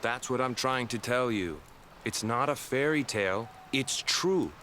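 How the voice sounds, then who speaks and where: Voicing a young Hawaiian islander whose grandfather was a cursed fisherman, this actor recounts the family legend earnestly. His medium-pitched voice is bright, expressive, and forceful yet unhurried, and the game audio carries background music and slight noise.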